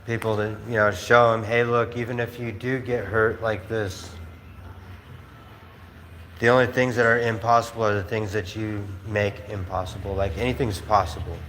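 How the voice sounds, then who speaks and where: Casual male streamer, lowish voice, rambling storyteller, reverberant room, faint hiss. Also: little pitch movement, normal speed, fairly bright tone. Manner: rambling, laughing storyteller with many fillers. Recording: roomy space with faint noise.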